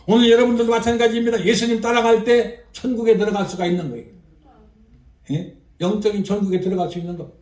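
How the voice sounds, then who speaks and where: A woman's voice: on the high side, warm tone. An older woman pastor preaching a revival sermon with emphatic fervor, calling out to her congregation and punctuating her points with hallelujahs. Her voice carries through an echoing church and reaches the microphone from some way off. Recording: roomy echo, voice picked up from a distance.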